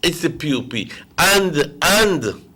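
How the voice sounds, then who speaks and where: A man's voice: fairly high pitch, lively intonation, takes it slowly, pushed and bright. A man with a Belizean Creole accent hosting an impassioned political talk show, indignant and emphatic, repeating phrases for stress. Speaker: morning show host.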